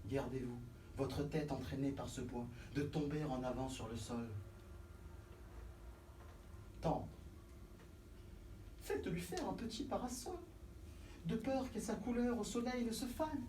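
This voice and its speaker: Un acteur jouant un bretteur fier et spirituel, déclamant des vers de théâtre avec emphase, de façon cabotine et flamboyante. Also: male voice, sits high, big pitch swings, moderate pace. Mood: soft, mock-tender. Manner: hammy, flamboyant, swinging from hushed to bellowed. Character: proud, witty swordsman Cyrano de Bergerac mocking his own nose. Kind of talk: theatrical verse declamation, classical French stage acting. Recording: roomy echo, distant microphone, faint noise.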